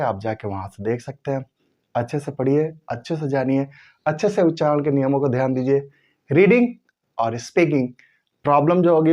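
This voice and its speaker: A man teaching English pronunciation in a slow, repetitive way, drawing out the example words. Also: mid-range voice, mellow, dull audio. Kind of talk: explanatory lesson to viewers.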